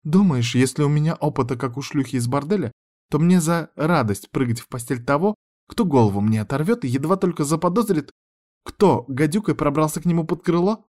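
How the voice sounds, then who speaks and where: A man voicing a sharp-tongued young witch woman who is bitter and frightened. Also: on the high side, animated, fairly quick, pitched above the performer's own voice, close to an everyday voice. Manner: bitter, hissing, bold.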